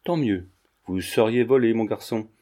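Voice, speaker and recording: A man's voice: fairly low pitch, normal speed, mellow, close to an everyday voice. A man reading a streetwise, saucy young woman fortune-teller in an audiobook, in a slightly raised voice.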